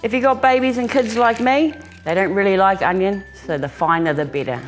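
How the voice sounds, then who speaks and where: A woman's voice: mid-range voice, fairly quick, soft background music. A woman with a New Zealand accent hosting a home cooking demonstration, talking casually and informally to viewers as if they were family. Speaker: home cooking show host.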